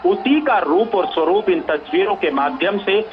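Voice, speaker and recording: A man's voice: high-pitched, animated, lo-fi sound. Male TV analyst, live commentary, emphatic repetition, light music bed. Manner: measured, repeats phrases for emphasis. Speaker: news analyst.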